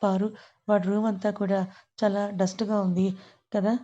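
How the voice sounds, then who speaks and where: A woman reading the lines of a calm middle-aged father who talks in a gentle, reassuring way. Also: medium pitch, normal speed, dull audio, lightly acted.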